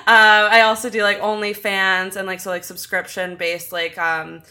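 A young woman talks as a podcast guest in a loose, casual way, packing her sentences with "like" and "um". She laughs often, and her voice is bright and forward. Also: medium pitch, little pitch movement, moderate pace. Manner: giggly, filler-heavy. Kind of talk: casual interview chat.

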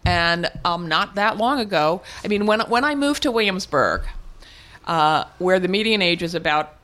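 An older woman, interviewed as a guest, talks frankly and reflectively in a candid conversation, restarting sentences now and then and laughing occasionally. Her voice is on the low side and a bit bright, with lively intonation at a moderate pace.

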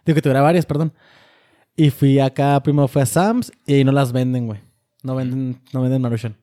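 A man's voice: mid-range voice, steady tone, brisk, dark tone. A man telling a casual story, rambling and correcting himself, with lots of slang. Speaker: podcast co-host. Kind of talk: casual chat.

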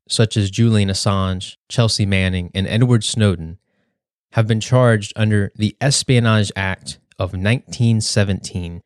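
A young man hosting a podcast, reading a prepared speech in a measured, earnest way. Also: lowish voice, darkish tone, no echo, studio quality. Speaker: podcast host.

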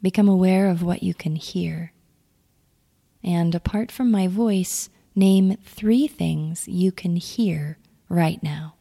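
A woman leading a calm guided grounding exercise, giving gentle, soothing instructions in a soft, near-whispered delivery. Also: lowish voice, takes it slowly, vocal fry. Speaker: meditation guide.

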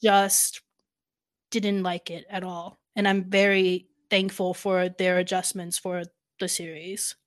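A woman's voice: lowish voice, takes it slowly. A woman co-hosting a podcast, recapping episodes in casual chat, laughing often and acting out the characters' lines. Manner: laughs often, animated retelling with quoted voices. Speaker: podcast co-host.

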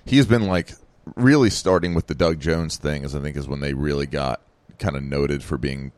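A man's voice: extremely low pitch, moderate pace, a little mellow, dry recording. A man co-hosting a podcast, chatting casually and rambling with lots of fillers and restarts. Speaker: podcast co-host.

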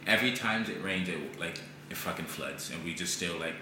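A man talking as a podcast guest in casual conversation, animated and blunt, with a lot of swearing and "you know". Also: low-pitched, fairly quick. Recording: very echoey room with background noise.

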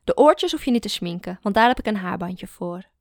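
A woman voicing a blunt, bossy young female art student who talks in a direct, teasing way, in a gravelly voice. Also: medium pitch, lively intonation, a little fast, a little mellow, no room sound, studio quality.

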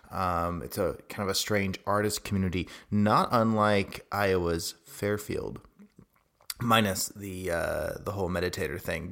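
A man's voice: low-pitched, fairly bright tone. A man casually hosting a music radio show in a hesitant, rambling way, sounding like he is in a cave.

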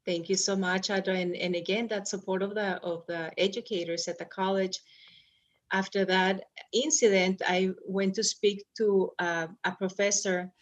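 A woman's voice: medium pitch, fairly bright tone. Earnest middle-aged woman telling her story. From Arizona. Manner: earnest and reflective, with brief laughs and restarts. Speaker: guest, school superintendent.

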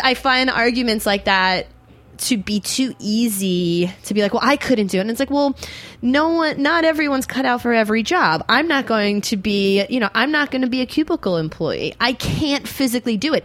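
A woman hosting a casual talk show, speaking in an animated, argumentative and jokey way. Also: a little high, moderate pace. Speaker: host.

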